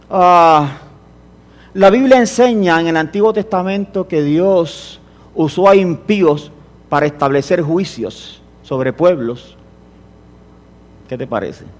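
A man preaching a sermon in an impassioned way, often rising to emphatic, forceful preaching. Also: on the high side. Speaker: pastor.

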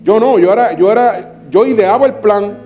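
A preacher in his forties tells his story from the pulpit, with humor and a habit of repeating phrases. His voice sits high but sounds mellow and warm, with a faint guitar playing underneath. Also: normal speed. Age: 40s. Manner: lively storytelling with repetition and humor. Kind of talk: testimony sermon.

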